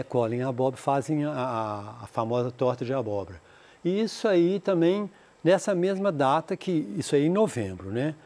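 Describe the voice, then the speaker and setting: A man's voice: medium pitch, darkish tone. A man from Brazil teaching an English lesson on a school TV program, explaining in Portuguese and often saying "né?". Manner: reads English dialogue lines slowly and clearly for students to repeat; explains in Portuguese with frequent "né?" and "então".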